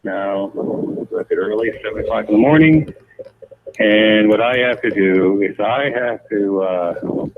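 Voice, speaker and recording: A man's voice: fairly low pitch, unhurried. Tinny speakerphone voicemail, rambling man. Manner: rambling, repetitive, many "uh" fillers. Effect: voicemail played on speakerphone into the mic. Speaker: voicemail caller. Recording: tinny muffled phone speaker.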